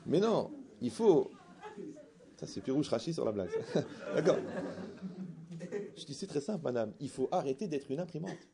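A man giving a religious lecture to an audience, animated and full of jokes, often asking rhetorical questions. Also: fairly high pitch, normal speed, creaky, pauses often, crowd noise. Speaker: religious teacher. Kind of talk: lecture with anecdotes and humor.

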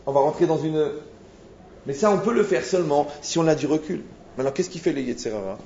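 A man, a rabbi, giving a lively sermon full of anecdotes, acting out dialogues and rising to near shouts. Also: a little high, quick pace, vocal fry. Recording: roomy, dull lo-fi sound with faint noise.

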